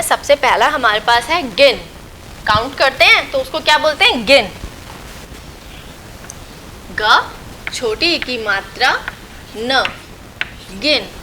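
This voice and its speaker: Slow, bright-voiced woman teacher. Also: high-pitched, a little hiss or hum, poor audio. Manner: slow, patient, repeats and asks questions then answers them. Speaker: school teacher. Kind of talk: recorded online lesson for young children.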